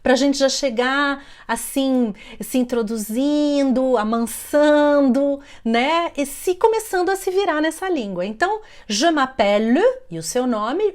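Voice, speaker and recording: A woman with a Brazilian Portuguese accent, teaching French phrases in a chatty online lesson and slowing down to model each phrase. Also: high voice. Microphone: microphone on her lap.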